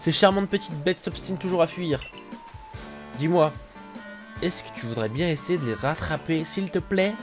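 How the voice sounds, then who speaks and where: A man voicing an excitable male Pokémon professor in a raised, exclamatory voice. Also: normal speed, soft background music, natural voice. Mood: pleading. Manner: exclamatory, high-pitched put-on voice.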